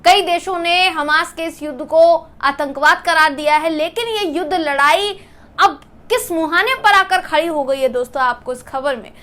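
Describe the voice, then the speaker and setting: A woman news anchor with a high, bright voice, presenting the story earnestly. She explains the events to the audience and keeps calling the viewers her friends. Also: moderate pace. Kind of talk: Hindi news presentation to camera.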